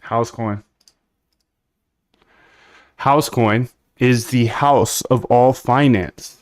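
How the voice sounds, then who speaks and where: A man with a medium-pitched voice talks slowly in a clean, studio-quality recording with no room sound. He's a live-streaming developer of trading bots, thinking aloud while he codes and answering chat in a blunt, chatty way.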